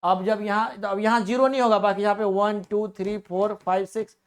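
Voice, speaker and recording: A man's voice: high-pitched, steady tone, brisk, clear, resonant tone. A male coaching teacher gives a math lecture in a classroom. He talks in a repetitive, coaxing way. He keeps asking the class questions and then answers them himself.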